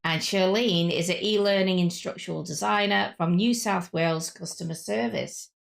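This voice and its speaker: A woman's voice: fairly low pitch, moderate pace, vocal fry. A woman hosting a casual panel chat, speaking in an effusive, enthusiastic way. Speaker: show host.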